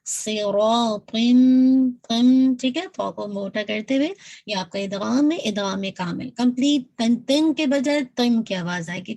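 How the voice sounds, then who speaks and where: A woman teaching Quran recitation in a patient lesson. She works step by step, keeps checking in, and slowly draws out sounds to model them. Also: a little high, creaky, warm tone. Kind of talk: instructive lesson.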